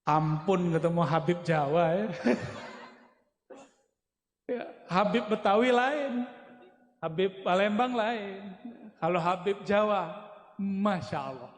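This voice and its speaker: A man delivers a sermon in a high voice, full of jokes and animated storytelling. His words ring around a large echoing hall. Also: takes it slowly, long pauses. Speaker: preacher. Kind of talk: humorous sermon. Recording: echoey hall.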